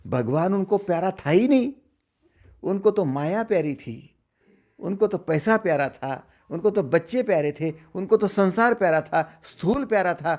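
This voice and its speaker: A middle-aged man gives a spiritual discourse as a teacher, posing rhetorical questions and swinging between loud emphasis and hushed asides. His voice sits high and sounds animated at a normal speed.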